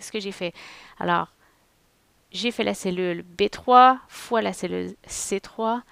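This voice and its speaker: A woman walks through a screen-recorded tutorial as a patient teacher, narrating each step as she thinks it through. Her voice carries a gravelly fry. The recording is dry and close, with no room sound. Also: mid-range voice, no echo.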